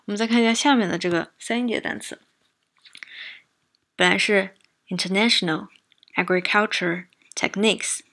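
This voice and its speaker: Gravelly-voiced woman teaching pronunciation. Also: mid-range voice, fairly bright tone. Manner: explanatory, repeats example words slowly, frequent tag questions. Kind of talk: exam prep lesson with spoken demonstrations.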